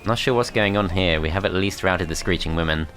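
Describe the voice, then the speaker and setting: Low-voiced man thinking aloud over a strategy game. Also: fairly quick, fairly bright tone. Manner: thinking aloud, tentative and self-critical. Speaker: gameplay commentator.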